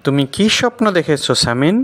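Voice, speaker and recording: A man voicing a calm cartoon father. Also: fairly high pitch, fast. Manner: calm, reassuring, instructive.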